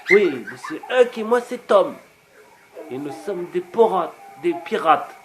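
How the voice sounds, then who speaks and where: A man voicing Tom, a cheeky young boy who plays pirate, in a high-pitched voice, telling a bedtime story. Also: lively intonation, unhurried, soft background music. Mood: proud.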